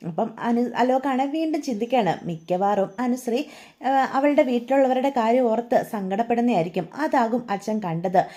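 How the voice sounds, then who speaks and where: A woman's voice: fairly high pitch, lively intonation, a little fast, warm tone. A woman retelling a serial story in a chatty way, often addressing her listeners directly.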